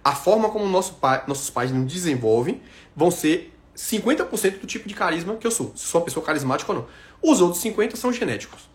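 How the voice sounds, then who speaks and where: A man's voice: high-pitched, animated, quick pace. A man giving a motivational talk on self-confidence, speaking emphatically and directly to his viewers. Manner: emphatic, addresses the audience directly.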